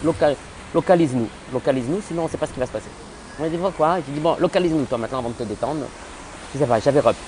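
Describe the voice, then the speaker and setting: A man telling a funny personal story in an animated, exaggerated way, with many restarts. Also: on the high side, very fast, background noise. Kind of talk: comic storytelling monologue.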